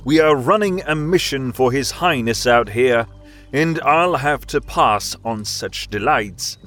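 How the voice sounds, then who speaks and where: Guy doing a fat creepy general, slow and smug, soft music behind. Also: medium pitch, expressive, pitched above the performer's own voice. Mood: leering. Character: obese, cruel, smiling male general.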